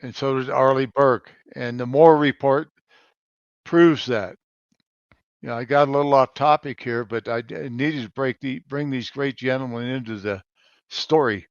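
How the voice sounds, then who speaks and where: A man in his seventies from Colorado, a navy veteran recounting his service in a halting way, with frequent pauses and loudness that rises and drops. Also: mid-range voice, steady tone, smooth, dry recording, lo-fi sound. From Colorado, United States. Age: 70s. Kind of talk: conversational interview answers.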